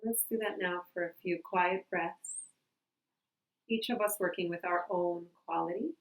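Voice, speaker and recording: A woman leading a calm grounding exercise as a meditation guide, speaking gently and unhurriedly with long pauses. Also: lowish voice. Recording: roomy, echoing sound.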